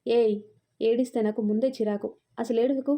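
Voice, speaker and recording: A woman's voice: on the high side, steady tone, normal speed, dark tone. A woman reading the part of a domineering, possessive young man who scolds and threatens. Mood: menacing. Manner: commanding, scolding.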